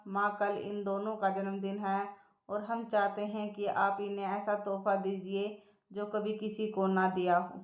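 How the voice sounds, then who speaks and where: A woman's voice: mid-range voice, flat delivery, measured pace, lightly acted. A woman voicing an eager younger son in a storybook reading. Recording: echoey room.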